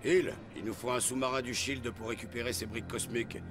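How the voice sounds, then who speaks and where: A man's voice: mid-range voice, steady tone, fairly quick, close to an everyday voice. An actor voicing a stern, commanding male spy agency director in a French video game dub, issuing curt orders. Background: game music.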